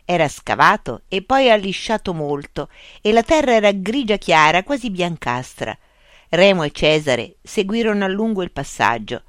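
A narrator reading a children's adventure story aloud in a lively, expressive way. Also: medium pitch, normal speed, dry recording, studio quality.

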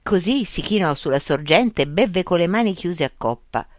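A narrator reading a children's adventure story aloud in a lively, expressive way. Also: mid-range voice, normal speed, no echo, studio quality.

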